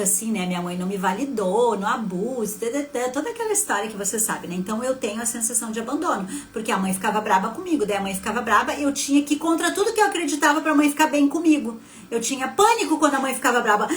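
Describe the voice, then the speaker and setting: A woman in her fifties with a southern Brazilian accent from Rio Grande do Sul, giving an emotional personal testimony on a live stream. She swings between hushed and loud and talks to herself as she speaks. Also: fairly high pitch. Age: 50s. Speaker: spiritual therapist and live host.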